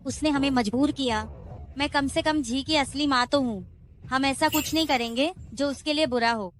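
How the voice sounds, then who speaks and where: A woman's voice: sits high, normal speed, slight background noise, lightly acted. An actress playing a greedy middle-aged mother in a dubbed drama, pleading and whining. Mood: groveling.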